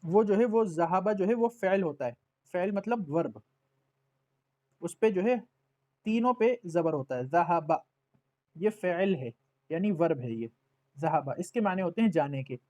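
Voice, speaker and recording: A man's voice: high-pitched, lively intonation, pauses often, a little mellow. A man teaching Arabic letters in an online lesson, patiently repeating words and checking that his students follow.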